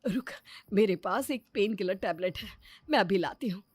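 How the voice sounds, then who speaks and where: A woman voicing a caring, practical mother in an animated story, fussing warmly over her daughter. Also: mid-range voice, normal speed, husky, no room sound, close to an everyday voice. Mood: worried. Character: caring middle-aged mother, worried and practical.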